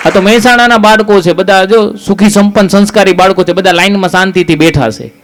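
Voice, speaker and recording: Male stand-up comic, high voice, storytelling jokes on a live stage. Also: fairly quick, some chatter behind. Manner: storytelling jokes with quoted dialogue. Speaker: stand-up comedian.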